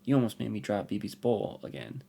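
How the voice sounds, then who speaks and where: Blunt curious little girl, guy reading her way up high, lively, lotta questions. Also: a little fast, gravelly, slightly rough, heavily acted. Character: bold curious village girl, nearly nine.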